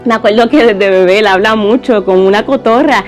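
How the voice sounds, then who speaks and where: A woman's voice: mid-range voice, a little fast, faint music behind. A woman giving an earnest, conversational personal testimony in church.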